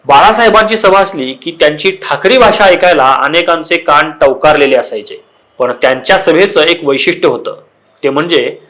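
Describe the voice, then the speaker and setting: A man with a high-pitched voice presents political commentary. He delivers it as scripted news narration, in the role of the show's presenter. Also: a bit bright.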